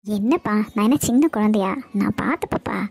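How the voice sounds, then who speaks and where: A woman voicing a young woman in an animated cartoon, a dutiful daughter and loving aunt who talks in a warm, reassuring way. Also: medium pitch, fairly quick, creaky, husky, dry recording. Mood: gentle. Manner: warm, reassuring, plain speech.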